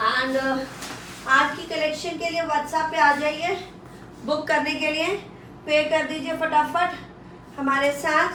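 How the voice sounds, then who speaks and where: A high-pitched woman with an Indian accent gives an off-the-cuff live sales pitch, repeating details to push buyers. She slips between Hindi and English. The mic sounds set back in an echoey room, with a little noise underneath. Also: fairly even intonation, slow, bright, forceful tone. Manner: mixes Hindi with English phrases. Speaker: live shopping presenter selling women's clothing. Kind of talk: live online sales pitch, casual and unscripted. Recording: roomy echo, distant mic, faint noise.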